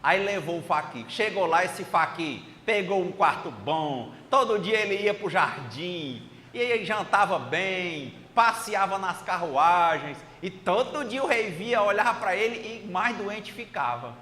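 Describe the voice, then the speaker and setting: A man's voice: high voice, expressive, unhurried, few pauses, bright, forceful tone. A man telling a moral story at a spiritist meeting. He asks the audience questions as he preaches. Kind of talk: storytelling sermon. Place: spiritist center meeting hall. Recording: echoey hall, faint noise.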